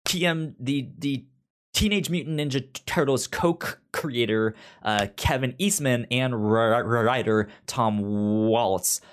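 A podcast host who stutters, repeating sounds and words, pitches his media picks conversationally and partly reads out synopses. His medium-pitched voice is slow, clear, and resonant.

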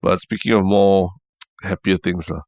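A man's voice: sits low, level tone, moderate pace, creaky, a little mellow, dry recording. A man with a Singaporean accent chatting casually as co-host of a podcast. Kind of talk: casual chat.

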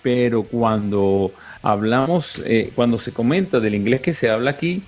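A man's voice: medium pitch, normal speed, a little mellow, soft background music. A man talking casually on a podcast, hesitant and full of repeated words and fillers. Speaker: podcast co-host. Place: living in England.

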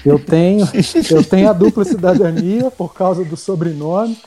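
A man's voice: high voice, normal speed, warm tone, soft background music. A man from chatting casually as a sports journalist on a podcast. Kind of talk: casual chat.

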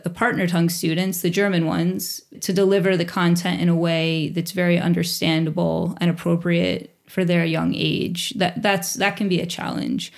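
This woman in her forties has a lowish voice with vocal fry. A native English speaker who teaches at a bilingual school, she answers interview questions reflectively, with small restarts along the way.

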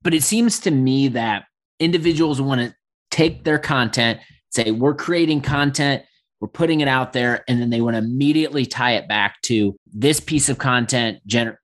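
A man's voice: medium pitch, moderate pace, fairly bright tone. A man co-hosting a podcast, speaking casually and thoughtfully, working through ideas as he talks. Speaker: podcast co-host. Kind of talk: casual conversational podcast talk.

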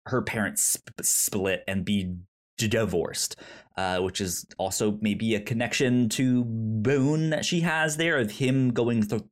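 A medium-pitched podcast co-host discusses films casually, speaking haltingly and often stammering on repeated syllables.

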